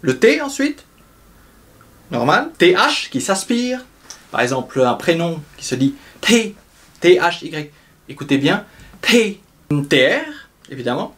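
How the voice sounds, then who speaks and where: A man's voice: high voice, very animated, a bit bright. A young man teaching a pronunciation lesson, patiently explaining each sound and repeating it several times. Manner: explains slowly, repeating sounds and drawing them out. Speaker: language teacher.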